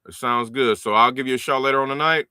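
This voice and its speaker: A man's voice: medium pitch, fast, sharp tone, smooth, no room sound, clean studio sound. A man in his forties hosting a live stream about real estate wholesaling, talking in a laid-back, slangy way and laughing often. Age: 40s. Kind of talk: live-stream sales calls and commentary.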